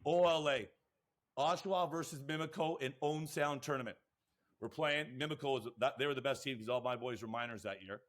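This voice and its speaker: A man, a lacrosse podcast co-host and coach, telling rambling, excitable stories full of acted-out quotes and swearing. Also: mid-range voice, fairly quick. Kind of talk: animated storytelling.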